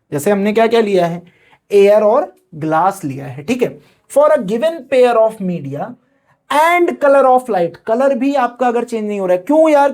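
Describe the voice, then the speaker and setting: A male teacher giving a classroom lecture, dictating key phrases slowly word by word and answering his own questions. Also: very high voice, darkish tone.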